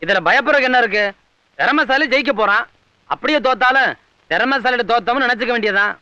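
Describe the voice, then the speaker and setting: An actor playing a confident young folk dancer, self-assured and proud, in a 1980s film drama. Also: male voice, very high voice, fast talker, pushed and bright, dry recording, exaggerated voice. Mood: polite. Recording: dull lo-fi film soundtrack.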